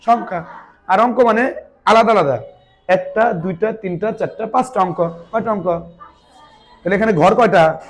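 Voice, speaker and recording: A man's voice: high voice, a little slow, long pauses. A man teaching a division lesson to a class, asking his pupils question after question and answering himself, with chiding, teasing asides. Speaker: math teacher.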